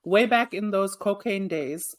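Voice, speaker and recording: A man from Nepal co-hosting a casual podcast, throwing in quick teasing jokes. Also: high-pitched. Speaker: podcast co-host.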